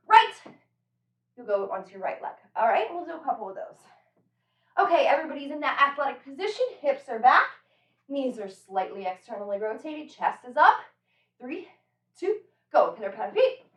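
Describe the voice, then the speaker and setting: A woman leading a workout as a fitness instructor, energetic and encouraging, giving brisk short cues and demonstrations. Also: high-pitched. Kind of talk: live workout coaching and demonstration. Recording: echoey room, distant microphone.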